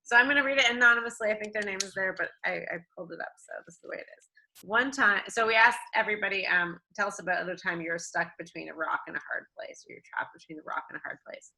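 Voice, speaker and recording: A woman's voice: medium pitch, racing, creaky, bright, forceful tone, low-quality recording. A woman co-hosting, reading a submitted story aloud and adding chatty asides. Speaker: co-host.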